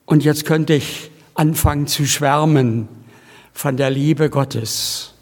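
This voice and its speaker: A male preacher delivers a sermon at a very slow, deliberate pace, leaning on each phrase. His voice sits a touch higher than most men's and carries a long church reverb behind it. He mixes solemn emphasis with homely, chatty asides to the congregation. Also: steady tone.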